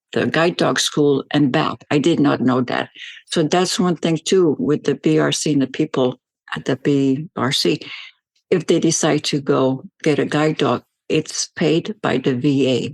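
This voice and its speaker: A woman's voice: sits low, vocal fry, no room sound. An older woman from Belgium, a veteran ambassador, answering interview questions in a rambling, storytelling way with many fillers.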